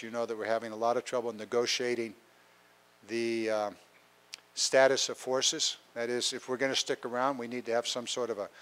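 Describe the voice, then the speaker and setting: A man's voice: medium pitch, a bit bright, clean tone. An older man speaking at a town hall with a handheld mic in a council chamber, plainspoken with many fillers, getting a cold. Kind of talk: public town hall talk. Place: large council chamber with an audience.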